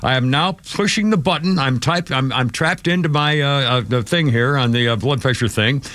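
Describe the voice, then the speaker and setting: The recording is dry, capturing a medium-pitched, slightly bright voice at a moderate pace: an older New England radio host in his studio. His storytelling is casual and rambling, full of restarts and laughter, picked up by a studio microphone.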